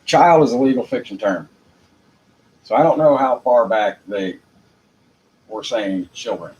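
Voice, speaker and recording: A man with a medium-pitched, slightly mellow voice speaks at a measured pace, the recording's highs cut off and background noise clearly present. He's an amateur legal commentator from Jacksonville, United States, rambling informally in a Southern US accent. He keeps it folksy and unpolished, repeating phrases for emphasis.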